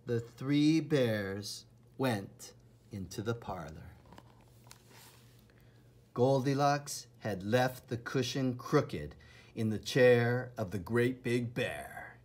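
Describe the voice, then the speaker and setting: With a husky, breathy, medium-pitched voice, a man reads a children's storybook aloud in an expressive, dramatic and deliberate manner.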